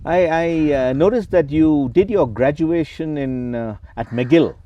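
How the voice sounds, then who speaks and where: A man's voice: fairly high pitch, unhurried, muffled recording, slight background noise. A man hosting a conversational interview. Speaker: interview host.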